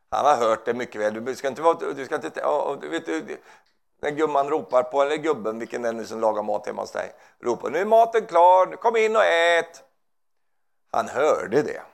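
In a gravelly, medium-pitched voice, a man preaches informally, fervent and rambling. He keeps restarting and wandering into asides, sprinkling in hallelujahs and amens.

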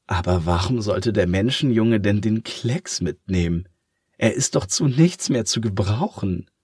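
A man voicing a fussy, disdainful pencil case in a low voice for a storybook. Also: lively intonation, measured pace, a little mellow, husky, no room sound, clean studio sound.

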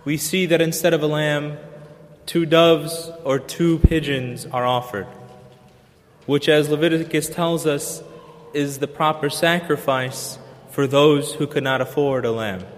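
A man preacher delivering a sermon in an earnest, measured way with pauses. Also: a little high. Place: church. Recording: long church reverb.

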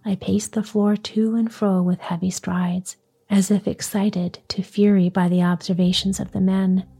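A woman reading a story aloud in a soft, breathy whisper, storytelling at bedtime. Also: medium pitch, level tone, measured pace, faint music behind.

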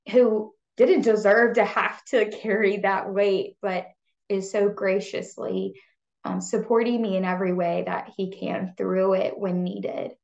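Slow, earnest young woman podcaster. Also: medium pitch, muffled recording. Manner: earnest and tender, slow with soft pauses. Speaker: podcast host. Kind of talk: personal faith podcast monologue.

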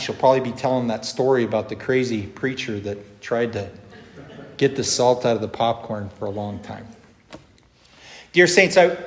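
Slow-preaching pastor in a reverberant church. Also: male voice, medium pitch. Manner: slow, measured preaching with emphatic rises. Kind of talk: sermon. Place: church sanctuary.

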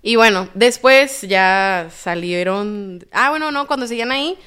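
A woman with a Mexican accent, a podcast guest telling her own story in a lively way and acting out the dialogue. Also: fairly high pitch, unhurried, clean tone. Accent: Mexican Spanish. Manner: animated, acts out quoted dialogue.

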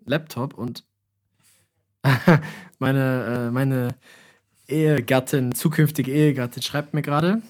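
A man's voice: mid-range voice, steady tone, slow, long pauses, darkish tone. A young man hosting a casual podcast, joking and telling stories with playful exaggeration. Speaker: podcast host.

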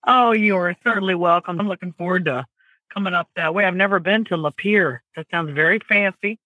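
A woman's voice: lowish voice, fairly quick, dry recording, low-quality recording. A comedian woman with a Southern US accent, chatting casually and animatedly in an interview. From American South. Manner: chatty, animated, laughs easily. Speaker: comedian guest.

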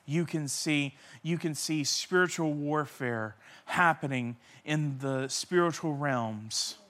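Slow, bright-voiced impassioned preacher man. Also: fairly high pitch. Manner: impassioned preaching, swinging from loud cries to hushed near-whispers; repeats key phrases for emphasis. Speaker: pastor. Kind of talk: sermon.

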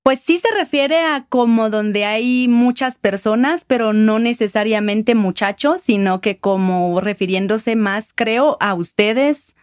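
A woman's voice: on the high side, a little slow, few pauses, no room sound, clean studio sound. A woman from Guatemala with a Guatemalan Spanish accent, a guest in a casual conversation who patiently explains local words with examples.

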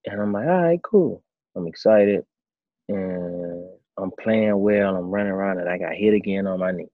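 A man in his thirties, a former quarterback turned coach, answering interview questions in a relaxed storytelling way. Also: low voice, normal speed, dry recording, narrow, tinny audio. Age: 30s. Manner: relaxed storytelling, acts out his own past thoughts.

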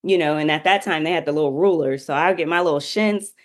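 Woman guest, lowish voice, chatty storyteller, casual interview. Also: quick pace. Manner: chatty, many fillers like "you know".

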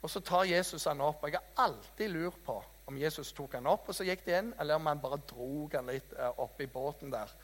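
A man preaching a sermon in a church hall, telling stories in a lively, self-mocking way. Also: fairly high pitch, hardly any pauses. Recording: reverberant hall.

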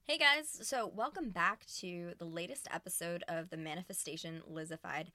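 A woman's voice: on the low side, normal speed, sharp tone, no room sound, soft background music. A woman hosting a podcast in a casual, conversational and emphatic way, recorded inside a small closet. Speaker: podcast host. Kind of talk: casual solo podcast monologue. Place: small empty closet in a cabin, indoors.

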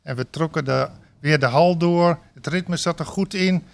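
A man reading a comic story aloud on a talk show, switching to loud sung party chants and laughing along. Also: fairly high pitch, normal speed, gravelly, no room sound. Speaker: reader of a book passage on a talk show.

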